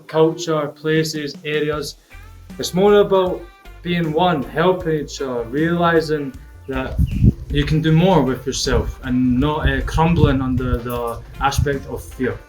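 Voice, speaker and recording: A man's voice: on the high side, fairly even intonation, takes it slowly, soft background music. A young man from Scotland, giving an earnest, reflective testimonial as a program participant.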